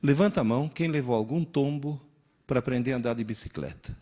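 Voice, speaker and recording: Speaking at medium pitch and a little fast, an Italian-born man in his sixties, Italian being his first language, gives an interactive lecture to teachers. He's animated, telling stories and quizzing the audience.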